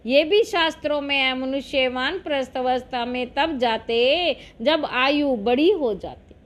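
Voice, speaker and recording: Woman, high voice, unhurried devotional reading; measured sermon delivery. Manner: slow, measured preaching. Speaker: spiritual reader.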